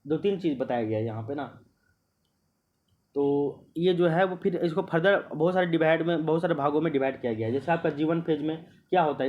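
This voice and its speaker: A man's voice: on the high side, slight background noise. A man teaching an exam-prep lecture, explaining step by step, repeating himself and checking that students understand. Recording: muffled lo-fi recording.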